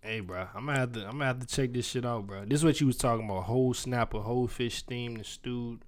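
A man's voice: medium pitch, fast. American guy joshing in frat-bro slang. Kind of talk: casual chat.

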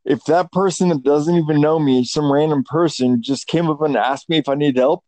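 A man's voice: a little high, normal speed, a little mellow, dry recording. A man co-hosting a podcast, talking candidly and reflectively, hesitating and repeating phrases. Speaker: podcast co-host. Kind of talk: candid personal talk.

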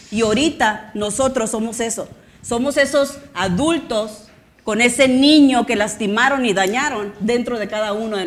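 A woman pastor preaching a sermon with passion, acting out the voices of shouting parents. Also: fairly high pitch. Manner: impassioned preaching with acted-out quotes of shouting parents.

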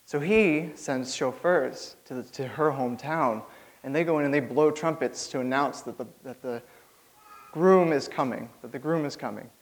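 A man's voice: mid-range voice, normal speed, low-quality recording. A young man giving an informal church sermon, rambling nervously with lots of fillers and laughs.

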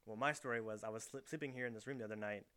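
A young man talks quickly and rambles through his stories, leaning hard on filler words. His tone is bright and forceful, and his voice sits somewhat low. He is recording a casual chat in his bedroom. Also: clear, resonant tone. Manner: rambling storyteller, heavy on fillers. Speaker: podcast host. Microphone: camera set up in the room.

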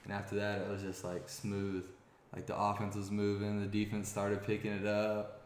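A young man with a somewhat low voice tells a sports story in casual interview talk. He rambles and restarts often. The room around him rings with echo. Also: normal speed, slight background noise. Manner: rambling, many restarts, grows excited. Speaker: former college quarterback guest. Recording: echoey room.

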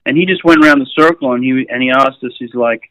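A middle-aged Australian man tells stories from his swimming days in a casual, animated way, often restarting his sentences. His voice sits in a middle register, and the sound is dry and close with no room echo. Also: medium pitch, quick pace. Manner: animated anecdotes with frequent restarts and "uh"s. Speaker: swimming coach and former swimmer. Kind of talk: casual storytelling.

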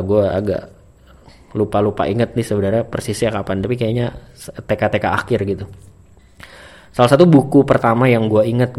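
A young man from Indonesia, talking to camera in a relaxed, chatty monologue full of fillers and restarts. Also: medium pitch. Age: young adult. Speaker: vlogger. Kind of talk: casual monologue.

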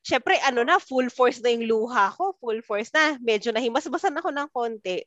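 A woman's voice: on the high side, lively intonation, moderate pace, a bit bright, no echo, muffled recording. A woman, co-hosting a podcast and telling a personal story in a casual chat with friends. She is dramatic and acts out the messages she quotes. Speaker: podcast co-host.

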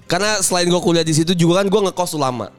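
A man's voice: high voice, rapid-fire. A young man with a Jakarta-area accent chats casually and comedically, telling rambling stories full of slang and swearing. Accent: Jakarta-area Indonesian.

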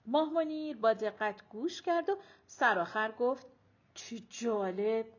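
A woman reading a novel aloud as audiobook narrator, expressive, dropping low at the ends of sentences. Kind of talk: scripted narration. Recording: dull lo-fi audiobook recording.

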